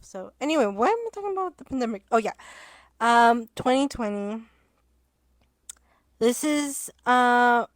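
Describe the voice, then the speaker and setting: A young woman chats in a loose, rambling way, cutting herself off mid-word and dropping the odd swear. Her voice is mid-pitched and starting to wear thin. The recording is close and dry, with no room sound. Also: no echo. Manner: rambling, self-interrupting, swears and laughs often. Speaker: vlogger. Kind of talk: casual rambling chat to camera.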